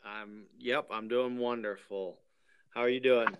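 A man's voice: mid-range voice, steady tone, unhurried, lo-fi sound, noisy background. A man hosting an interview podcast, asking curious questions with short friendly replies. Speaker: podcast host. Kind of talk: casual interview.

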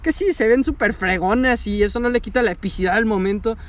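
A man, chatting casually about an anime in an animated, excitable way, swearing freely. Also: high-pitched, quick pace. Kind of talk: casual chat recapping an anime.

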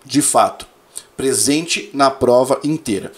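A man hosting a casual conversation, telling playful, expressive stories about teaching. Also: medium pitch, slow pace.

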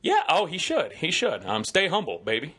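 A Midwestern American man co-hosts a sports podcast on a studio microphone, confidently laying out his football picks amid casual banter. His slightly high voice swoops wildly in pitch, sounding pushed, bright, and a little rough at a moderate pace.

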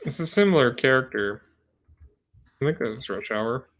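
A man's voice: mid-range voice, animated, moderate pace, gravelly, fairly bright tone. A man co-hosting a casual movie podcast. He talks hesitantly and keeps trailing off into "I don't know" as he weighs his picks. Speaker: podcast co-host.

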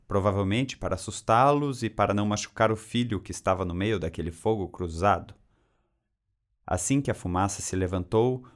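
A man reading a story aloud in a steady, even way. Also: fairly low pitch. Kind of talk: reading fan fiction aloud.

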